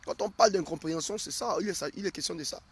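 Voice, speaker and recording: A man's voice: high-pitched, racing, breathy edge. A male prophet giving a live sermon, speaking straight to his listeners and hammering his point with repeated questions. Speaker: prophet preaching to his followers.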